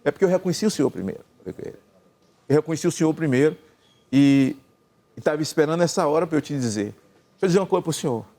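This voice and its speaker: An older Brazilian man telling a long personal story in casual chat, acting out the dialogue with lively swings in his voice. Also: a little high, rapid-fire. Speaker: gospel singer and senator telling a story.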